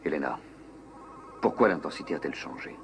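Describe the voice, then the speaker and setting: An actor playing a decisive, protective male moon-base commander in a dubbed science-fiction series, giving brisk orders and questions. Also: very deep voice, lively intonation, gravelly, a little hiss or hum, exaggerated voice. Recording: music behind the voice.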